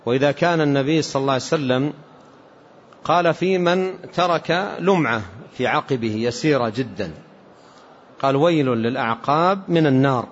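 A man teaching as a sheikh, explaining hadith in a measured way and repeating key points. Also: medium pitch. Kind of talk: religious lesson commentary. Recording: dull lo-fi lecture recording with faint hiss.

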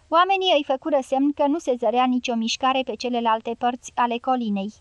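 A woman narrating a novel as an audiobook in a steady, even storytelling manner. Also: sits high, dry recording.

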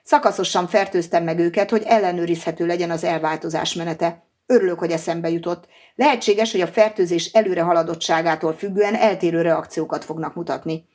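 A self-assured male scientist in an audiobook, explaining things patiently in a measured way, as a woman reader puts him on. The voice sits low and stays even. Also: close to an everyday voice. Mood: calm, explanatory.

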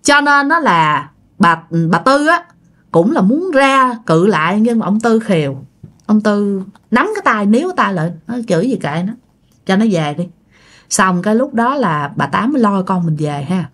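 A woman's voice: medium pitch, sing-song, moderate pace, fairly bright tone. A woman telling a ghost story in a chatty way, talking straight to her listeners. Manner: chatty, addresses listeners directly.

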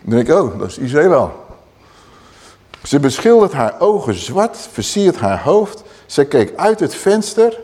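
A man's voice: on the high side, big pitch swings, a little slow, few pauses, warm tone. A middle-aged man preaching a sermon, retelling a Bible story vividly with blunt, colloquial asides.

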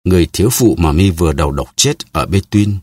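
A man's voice: low voice, animated, fairly quick, a little mellow, no echo, clean studio sound. A man reading an audiobook, voicing a young swordsman who speaks in an earnest, anguished way.

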